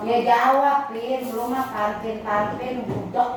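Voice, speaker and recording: A woman's voice: fairly high pitch, steady tone, unhurried, a crowd in the background. Woman chatting in the background at home, super echoey, far from the mic. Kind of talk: casual household chatter off to the side. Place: busy home, away from the mic. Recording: distant, very echoey, noisy home recording.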